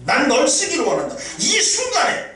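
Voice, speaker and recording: A man's voice: very high-pitched, wildly swooping pitch, moderate pace, pushed and bright. A middle-aged man preaching a sermon as a pastor. He speaks emphatically and rises into quoted prayers. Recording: echoey hall from far off, faint noise.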